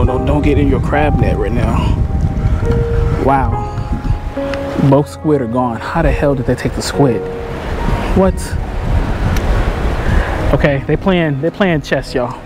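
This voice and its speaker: Over loud music, this middle-aged fishing vlogger speaks slowly, leaving long pauses in his mid-range voice. He's outdoors on a pier, chatting casually with viewers in relaxed slang.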